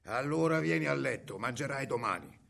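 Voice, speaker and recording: A man's voice: mid-range voice, lively intonation, a little fast, creaky, fairly bright tone. A man doing a sly, coaxing ogress-grandma. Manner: coaxing, falsely sweet.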